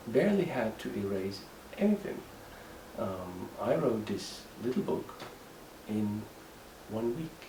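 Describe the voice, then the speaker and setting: A Moroccan writer, a native Moroccan Arabic speaker, gives a halting English interview monologue in a Moroccan accent, hesitating with many fillers and restarts. His voice is fairly low. The recording has an echoey room, a distant mic and faint background noise.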